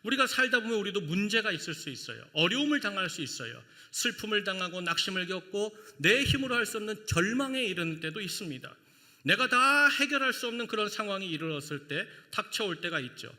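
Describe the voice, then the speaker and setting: A man's voice: high voice, sing-song, fairly quick, sharp tone. A male pastor preaching a sermon in a church, with emphatic delivery full of rhetorical questions, now and then leading the congregation in reading scripture aloud. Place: church sanctuary. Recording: long church reverb.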